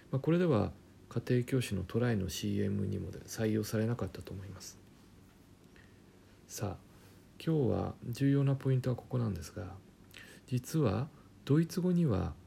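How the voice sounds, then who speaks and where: Man, gravelly, mellow tone, relaxed joking lesson, quiet asides. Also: lowish voice, slight background noise. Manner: chatty, joking, often drops to a quiet aside. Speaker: German language teacher. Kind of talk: casual spoken lesson with jokes.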